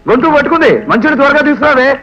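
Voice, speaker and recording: A man's voice: very high voice, rapid-fire. An actor playing a playful young village man who teases in a mischievous way. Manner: teasing, mischievous. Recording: dull film soundtrack with music.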